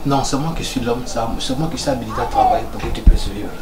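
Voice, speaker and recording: Actor as devoted husband; soothing, repetitive pleading; comedy sketch; distant, noisy take. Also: male voice, mid-range voice, wildly swooping pitch, quick pace. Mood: firm. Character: devoted young husband soothing his crying wife. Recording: echoey room, far from mic, noisy.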